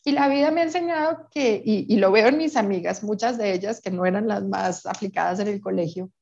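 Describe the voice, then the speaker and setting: A woman who grew up in Peru answers an interviewer reflectively, often pausing and restarting her thoughts. Her voice has a gravelly fry, and the recording sounds dull and lo-fi. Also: medium pitch, a little mellow. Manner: hesitant, many restarts and fillers. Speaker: interview guest.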